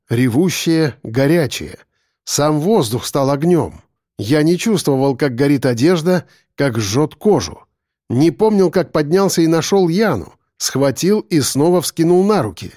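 A man reads a first-person story aloud, dramatic and expressive. His voice sits a bit higher than most men's. The sound is close and dry, with no room around it. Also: dry recording. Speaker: audiobook narrator. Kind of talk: first-person audiobook narration.

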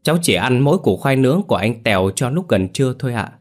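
A man's voice: mid-range voice, animated, quick pace, voice pushed up, lightly acted. A man voicing a frightened young boy who pleads hurriedly and politely. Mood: anxious.

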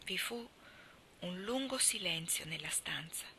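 A woman reading literary fiction aloud, her narration soft and hushed, often sinking into near-whispers. Her voice is very bright and crisp. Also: lowish voice, animated, a little slow, a little hiss or hum. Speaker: reader.

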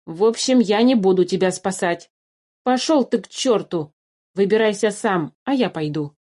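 A woman voicing a hot-tempered young boy who accuses and argues loudly. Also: medium pitch, animated, normal speed, natural voice. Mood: hesitant, stubborn. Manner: loud, indignant, accusing.

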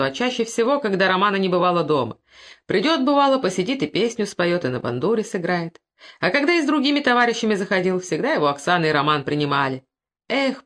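Expressive woman reading classic prose. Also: lowish voice. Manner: expressive storytelling. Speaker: audiobook narrator.

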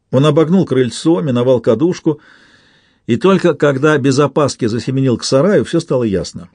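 A man narrating a literary audiobook in a steady, expressive storytelling manner. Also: mid-range voice, dry recording, studio quality.

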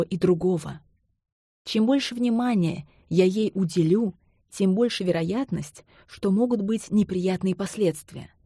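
A woman narrating a novel in the first person, in a measured, intimate storytelling manner. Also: lowish voice, dark tone, no echo, clean studio sound. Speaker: audiobook narrator.

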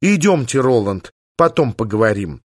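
A man reading an audiobook, voicing a lively young woman biologist who is bold and mischievous, eager and teasing. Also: medium pitch, normal speed, dry recording, studio quality.

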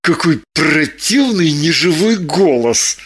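Woman doing a suspicious excitable man, agitated, animated pitch, unhurried. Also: breathy edge, full character voice. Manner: exclaiming, agitated. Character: excitable, suspicious young-ish man, her lover.

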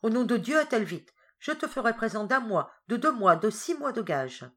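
A woman's voice: fairly low pitch, animated, normal speed, close to an everyday voice. Woman doing a thundering old village priest. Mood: urgent. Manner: urgent, commanding exclamations.

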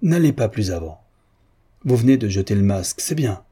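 A man's voice: fairly low pitch, lively intonation, moderate pace, mellow, slightly rough. A man voicing a proud, hurt young woman in disguise. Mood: hurt, pleading. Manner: pleading, reproachful.

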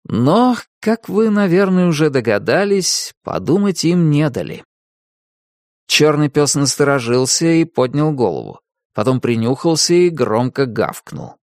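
A man reads a children's story aloud in a mid-pitched voice that rises and falls with lively storytelling. The recording is close and dry. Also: measured pace, dry recording. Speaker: narrator. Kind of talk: audiobook narration.

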